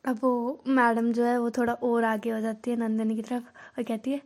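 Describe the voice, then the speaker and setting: High, mellow woman telling a story. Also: normal speed. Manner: lively, chatty storytelling. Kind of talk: spoken story narration.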